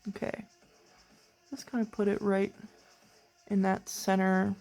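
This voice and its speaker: A woman doing a casual makeup tutorial, chatty and excitable, rambling between quiet asides and sudden bursts of enthusiasm. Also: medium pitch, takes it slowly, vocal fry, faint music behind. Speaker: beauty vlogger. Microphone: camera mic while filming herself.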